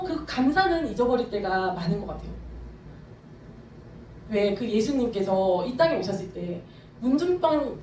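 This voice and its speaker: A high-pitched woman pastor delivers a fervent, emphatic sermon, pressing her points with sudden bursts of speed. She is heard from a distance in a roomy church hall with a faint hum of ambience behind her. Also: darkish tone. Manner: fervent, emphatic preaching with shifts in pace. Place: church sanctuary. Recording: echoey church hall, from far off.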